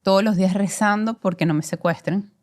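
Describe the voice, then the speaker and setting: Speaking briskly at medium pitch, a Venezuelan-accented woman in her forties shares her career story as an interview guest. She's a commercial director, and her reflective telling is packed with fillers.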